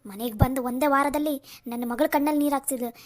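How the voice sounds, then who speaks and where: A woman's voice: high-pitched, brisk, lightly acted. A woman voicing a worried middle-aged mother in a cartoon family drama, soothing her daughter and bitter about her daughter-in-law.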